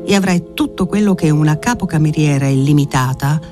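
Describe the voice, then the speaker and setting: A man's voice: a little high, brisk, music in the background, natural voice. A man reading an audiobook voices an awkward, kindly older guardian who fusses gallantly with dry humour. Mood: fussing.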